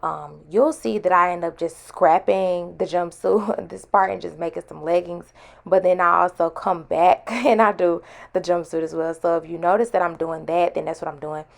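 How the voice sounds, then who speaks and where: A woman's voice: on the low side, steady tone, normal speed, vocal fry. A woman giving a casual, chatty voice-over tutorial, her speech slightly slurred by a retainer she is wearing. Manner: chatty, informal, addresses viewers as y'all. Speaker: host of a sewing vlog.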